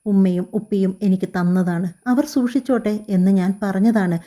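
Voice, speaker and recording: A woman reads a gentle young pregnant wife, hurt and pleading. Her voice is soft and very mellow. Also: medium pitch, normal speed, natural voice.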